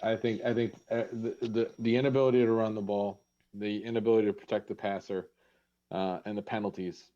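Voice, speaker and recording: Low-voiced hesitant man, lo-fi sound. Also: little pitch movement, mellow. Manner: hesitant, halting starts. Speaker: podcast co-host. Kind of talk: casual sports chat. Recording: dull, lo-fi sound.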